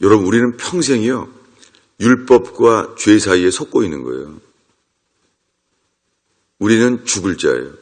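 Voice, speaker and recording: A man's voice: lowish voice, lively intonation, moderate pace, pauses often. A middle-aged man preaching a sermon as a pastor, emphatic, acting out quoted voices.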